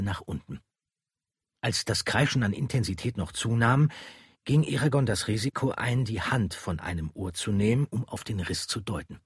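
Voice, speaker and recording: A man narrating a fantasy audiobook dramatically, dropping to a hush and slowing down at tense moments. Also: fairly low pitch, husky, no room sound, studio quality.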